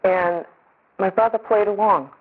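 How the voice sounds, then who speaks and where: A woman's voice: medium pitch, steady tone, a little slow, husky. A middle-aged woman giving an earnest, rambling personal testimony, often restarting her sentences as she speaks. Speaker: speaker sharing a recovery story. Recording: tinny phone-like recording.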